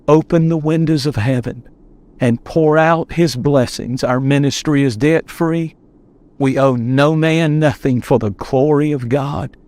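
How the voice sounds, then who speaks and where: A man's voice: medium pitch, a little mellow. A man, a pastor, preaching a sermon outdoors from a boat on a lake, earnest and emphatic, often repeating himself for weight.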